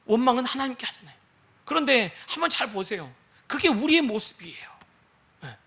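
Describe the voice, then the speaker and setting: A male pastor preaching with a high, bright, ringing voice. He keeps asking his congregation rhetorical questions and checks in with them as he goes. He slips into quoted voices to act out little scenes. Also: very animated, fairly quick, slightly rough. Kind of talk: sermon.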